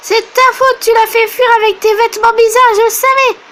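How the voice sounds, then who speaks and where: A woman's voice: extremely high pitch, brisk, a bit bright. A woman voicing a whiny, upset little girl in a game she is reading aloud. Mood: wailing.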